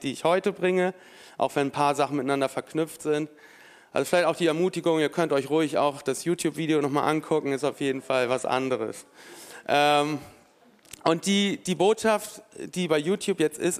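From a church stage, a man preaches a sermon in a conversational way, full of fillers and restarts, and reads a scripture passage aloud. His voice is a little high, with a big-room sound.

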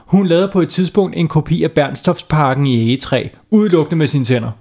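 A man's voice: fairly high pitch, a little mellow. A man hosting and narrating a playful bedtime story for children, chatting with young listeners. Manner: playful, talks with kids listening. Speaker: storyteller, host.

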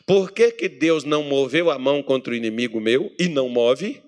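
A Brazilian man preaching a sermon to his congregation, joking with them between Bible readings and swinging from loud readings to low murmurs. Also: animated, normal speed. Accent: Brazilian Portuguese. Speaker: pastor. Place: church meeting hall.

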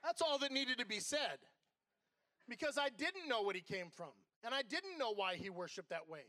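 A man's voice: very high-pitched, very animated, moderate pace, pushed and bright, dry recording. A middle-aged man, an associate pastor, giving a candid, conversational sermon built on personal stories.

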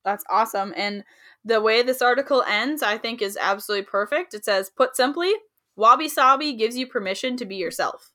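A woman's voice: a little high, brisk, sharp tone. A woman co-hosting a podcast in upbeat casual chat, laughing often. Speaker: podcast co-host.

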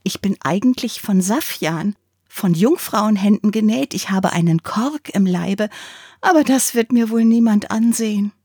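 A woman's voice: medium pitch, expressive, measured pace, dark tone, slightly rough, dry recording, studio quality, pitched above the performer's own voice. Woman voicing a prim, chattering old toy ball. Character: old water-soaked male ball, chatty and vain.

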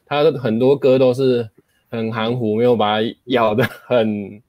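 A man's voice: medium pitch, flat delivery, measured pace, no room sound, dull audio. A man hosting casual talk, explaining speaking skills, demonstrating examples aloud and using frequent fillers.

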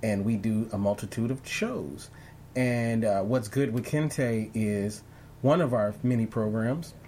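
A man's voice: fairly low pitch, a little slow, a little hiss or hum. A man hosting an online talk show, chatting casually with lots of fillers and restarts. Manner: relaxed, rambling with many fillers. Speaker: podcast host. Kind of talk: casual interview chat.

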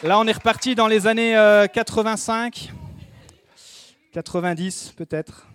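Earnest preaching man, higher-pitched voice. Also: measured pace, fairly bright tone, smooth, some chatter behind. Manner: earnest, exhorting, addresses listeners directly with repeated phrases. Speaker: pastor. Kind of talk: sermon.

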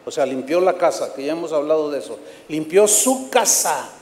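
A man with a high voice preaches to his church, storytelling with animation and mimicking worshippers' shouts. His words carry through a large, echoey sanctuary with a long ringing tail. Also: animated, moderate pace. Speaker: pastor. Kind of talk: sermon.

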